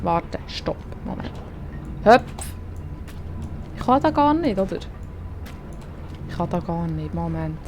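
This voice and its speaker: A woman's voice: fairly low pitch, big pitch swings, takes it slowly, long pauses, darkish tone, faint music behind. A woman with a Swiss German accent commentating a video game, chatty and swearing at the character on screen. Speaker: gaming streamer. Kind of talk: let's play commentary.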